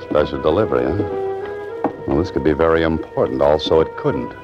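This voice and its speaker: Deep, wry hard-boiled radio hero. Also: male voice, sing-song, normal speed. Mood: curious, dry. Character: wry, laconic hard-boiled male fiction writer-adventurer. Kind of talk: 1940s radio drama acting. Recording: muffled old radio recording, loud music.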